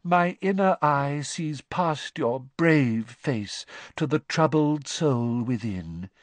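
A man voicing a mournful, misty-voiced female fortune-teller teacher who speaks slowly and theatrically, in a storybook reading. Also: on the high side, dry recording, pitched above the performer's own voice. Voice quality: misty, drawn-out.

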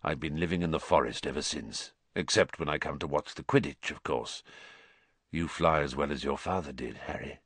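A man voicing a gaunt, haunted male fugitive who speaks low, quietly and with a croak for an audiobook. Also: normal speed, dry recording. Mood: brooding. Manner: quiet, brooding. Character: gaunt, haunted escaped male prisoner, bitter, intense.

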